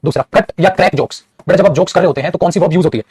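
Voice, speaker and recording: Guy teaching english in a classroom, talks super fast, husky voice, keeps calling students kid. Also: fairly high pitch, a little mellow, no echo. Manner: explains patiently, calls students "beta" (child) often; lectures with moral advice. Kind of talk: classroom lecture.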